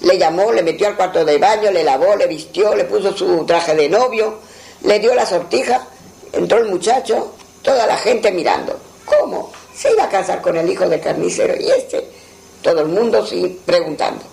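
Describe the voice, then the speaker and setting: A man telling a traditional folktale in a plain, unhurried folk manner. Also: sits high, creaky, darkish tone, low-quality recording. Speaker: storyteller.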